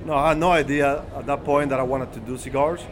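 Cuban-accented man, halting, restarts phrases, guest interview, loud crowd chatter behind. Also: medium pitch, fairly even intonation. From Cuba. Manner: halting, rephrasing often. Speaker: guest, cigar maker. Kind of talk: casual interview. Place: cigar bar. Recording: busy bar crowd behind.

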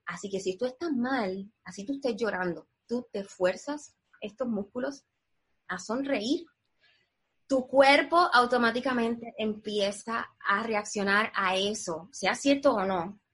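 A woman with a fairly high, husky voice talks as a guest in a relaxed interview. She is earnest and reflective and walks through her ideas one step at a time. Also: measured pace. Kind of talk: casual interview conversation.

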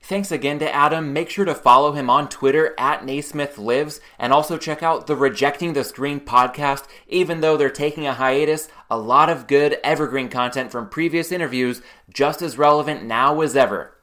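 A man's voice: fairly high pitch, a little fast, pushed and bright. A man hosting a podcast interview, thanking his guest and reading a friendly outro. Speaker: podcast host.

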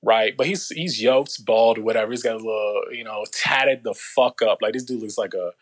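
A man, telling his life story as a podcast guest in a relaxed, slangy way. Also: fairly low pitch, normal speed. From Los Angeles. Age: 30s. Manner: laid-back storytelling, slangy, many fillers. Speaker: guest, former soldier. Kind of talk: casual interview.

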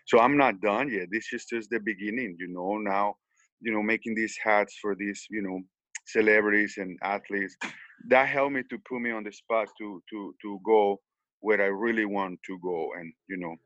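A man's voice: on the low side, normal speed, a bit bright, dry recording, highs cut off. A man from Mexico with a Mexican Spanish accent, speaking English as a second language, telling his story in an interview with many restarts and repeated words. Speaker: hat maker.

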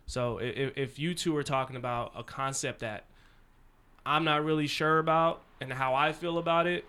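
A man's voice: on the high side, steady tone, normal speed, pushed and bright, smooth. A man hosting a podcast, talking casually with slang and mimicking how other people talk. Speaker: podcast host. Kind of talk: casual chat.

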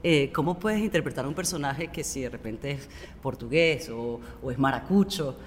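A woman's voice: extremely low pitch, normal speed, big-room sound, slight background noise. A woman from Venezuela hosting an interview, asking long, winding questions in casual chat. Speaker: host, interviewer.

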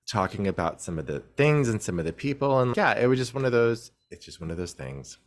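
A man's voice: lowish voice, big pitch swings, fairly quick. A man guesting on a podcast, telling rambling stories in casual chat, often breaking off and restarting his sentences. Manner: rambling storyteller, self-interrupting.

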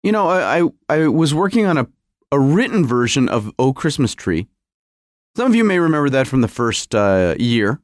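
A man's voice: medium pitch, big pitch swings, normal speed, no room sound, clean studio sound. A man hosting a casual solo podcast from his home garage, rambling wryly and often interrupting himself. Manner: self-interrupting, wry. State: feeling cold. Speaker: podcast host.

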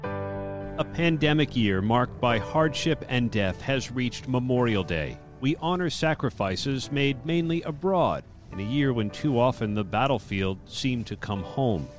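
A male news correspondent narrating a radio report in a measured, deliberate way. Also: mid-range voice, animated, music in the background. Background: outdoor traffic and planes.

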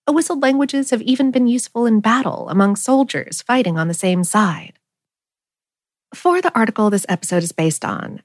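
A woman's voice: on the high side, a little mellow, no room sound. A woman podcast host reading a scripted explanatory narration.

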